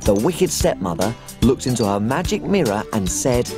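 A woman's voice: rumbling low, sing-song, moderate pace, over music. A woman playing a tiny, cheerful female cook on a children's TV show, bubbly and giggly, telling stories in a sing-song way. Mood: storytelling. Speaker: children's TV presenter. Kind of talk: children's TV acting and storytelling.

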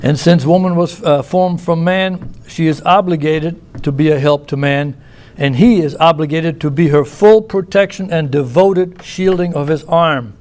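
A male preacher from the United States gives a sermon in a church. His voice sits a bit high, and he talks in a loose, conversational way, restarting phrases and tossing in asides. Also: fairly even intonation, moderate pace, a little mellow, slight background noise.

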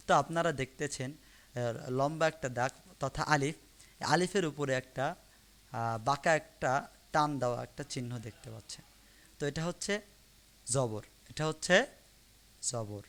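A man with a fairly high, smooth and clear voice teaches a Quran reading class. He speaks unhurriedly, drawing out each syllable and repeating it patiently so learners can follow along. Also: a bit bright. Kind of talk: online lesson teaching Arabic letters. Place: online live class broadcast.

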